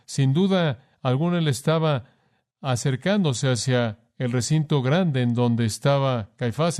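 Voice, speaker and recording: A man's voice: on the high side, a little mellow, clean tone. A man preaching a sermon, speaking earnestly and emphatically, asking his listeners direct questions.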